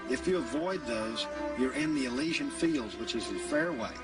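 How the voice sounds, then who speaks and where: A man with a medium-pitched voice analyses golf in a conversational commentary style. He sounds a little away from the mic, and loud music plays behind him. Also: lively intonation, moderate pace, far from the mic.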